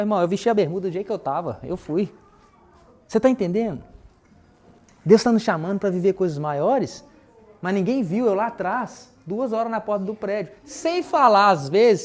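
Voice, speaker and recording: A man preaching a sermon, telling personal testimonies in a lively way and acting out the dialogue in casual slang. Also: sits high, fairly quick.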